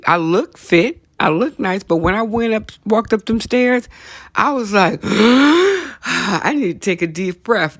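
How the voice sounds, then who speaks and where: A middle-aged woman with a low voice hosts a podcast, recorded without echo. Her comedic talk is casual, conversational, and teasing, and she repeats phrases for emphasis.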